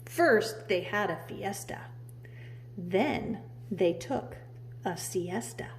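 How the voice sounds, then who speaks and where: Female storybook narrator, preschool-teacher style: slow pace, expressive, stretches important words for drama. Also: mid-range voice, a little hiss or hum. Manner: dramatic, drawing out key words. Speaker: preschool teacher reading aloud.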